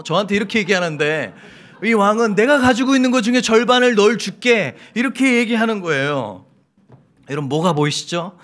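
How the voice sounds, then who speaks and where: A middle-aged man delivers a Sunday sermon in a church sanctuary, his voice sitting slightly high. He keeps it lively and humorous, slipping into acted-out quoted voices as he tells the story. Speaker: pastor.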